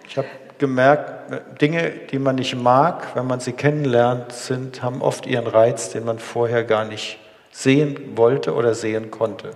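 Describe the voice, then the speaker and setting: A man's voice: medium pitch, fairly even intonation, measured pace, creaky. A man telling stories alongside his wife in a good-humored way, often laughing as he talks. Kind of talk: casual storytelling to an audience. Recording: hall reverb, faint background noise.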